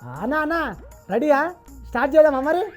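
A woman's voice: high-pitched, very animated, normal speed, soft background music. A woman with a Telangana Telugu accent hosting a comic satirical interview, bantering teasingly and delivering lines dramatically.

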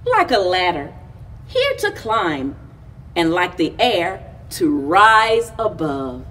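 With a lowish voice, an animated woman reads a picture book slowly to children at library story time. Her phrasing is deliberate and lively, with pauses between short lines, as she sits indoors in front of a chalkboard wall. A distant camera mic records her.

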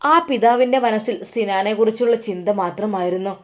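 A woman's voice: mid-range voice, a little fast. Woman narrating in Malappuram Malayalam. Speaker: storyteller. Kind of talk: storytelling narration.

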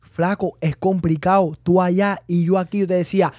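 A man with a Cuban Spanish accent telling stories in an animated way on a casual podcast, calling the others "papi" and "mijo". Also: high-pitched, moderate pace. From Cuba. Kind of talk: casual chat.

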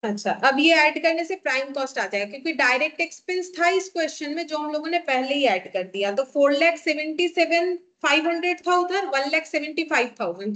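A woman with an Indian accent teaching a lesson step by step, asking questions and answering them herself as she dictates figures slowly. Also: high voice, fairly bright tone.

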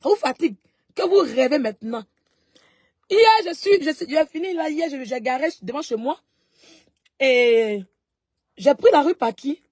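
A woman's voice: high-pitched, animated, moderate pace, a little mellow, no echo, studio quality. A woman vlogger answering followers in a live stream, confrontational and mocking, repeating herself as she talks straight into her phone.

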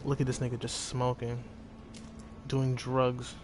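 A young man commentating a video game playthrough, excitable and profane, reacting loudly to the action. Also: mid-range voice, a little slow, music in the background. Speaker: gaming channel host. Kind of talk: casual let's-play commentary.

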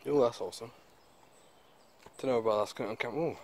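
Brisk and medium-pitched, a man casually narrates his walk through the woodland and into a cave, exclaiming over his discoveries. He records on a handheld camera mic, with slight background noise.

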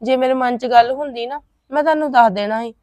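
A woman plays a daughter in a homemade family drama. She answers her mother politely while deflecting the questions. Her fairly high voice is recorded dry and close. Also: quick pace, darkish tone, no echo.

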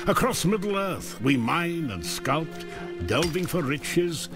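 An actor playing a solemn male dwarf leader in a game trailer narration, speaking slowly and gravely. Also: on the high side, heavily acted. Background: music.

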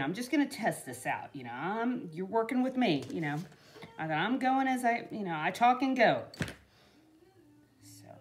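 A craft vlogger in middle age, with a mid-range, darkish voice, walks through a craft project at her home craft table. She chats in a casual, rambling way, dropping lots of "you know".

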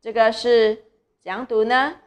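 A young woman teaches small children to read, sounding out syllables slowly. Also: fairly high pitch, fairly even intonation, clean tone, dull audio. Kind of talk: children's reading lesson.

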